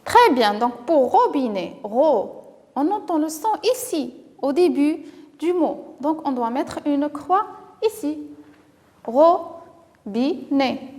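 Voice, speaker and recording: A woman teaching a reading lesson to young children, speaking slowly and drawing words out to model their sounds, with frequent praise. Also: high voice, lively intonation, darkish tone, long reverb tail. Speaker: primary school teacher.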